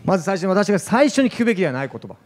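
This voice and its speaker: A man interpreting a sermon aloud into Japanese, quick and lively, adding small asides of his own. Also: high-pitched.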